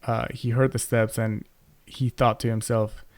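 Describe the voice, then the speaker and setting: A man's voice: mid-range voice, little pitch movement, measured pace, dry recording. A young man co-hosting a podcast, telling a family story in casual chat, rambling with many fillers and restarts into a close mic. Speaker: podcast co-host.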